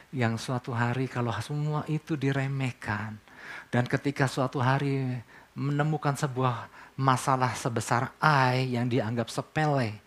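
A pastor in his speech preaches to his congregation. His tone is conversational. He keeps asking questions and answering them himself, and his voice sits at an ordinary middle pitch. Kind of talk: sermon.

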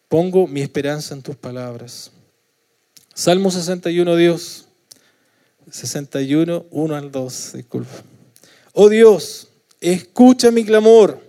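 A man with a Chilean Spanish accent preaching a sermon to his congregation. He often checks in with tag questions and swells into loud pleading when voicing prayers. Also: fairly high pitch. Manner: asks the congregation for agreement with frequent tag questions; rises to loud pleading when voicing prayers, drops soft at phrase ends.

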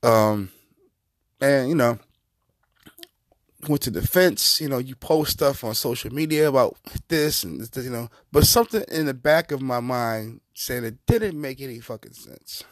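A man hosting a podcast, giving profane, mocking comedic commentary in an animated way. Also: mid-range voice, measured pace, dry recording, studio quality. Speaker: podcast host.

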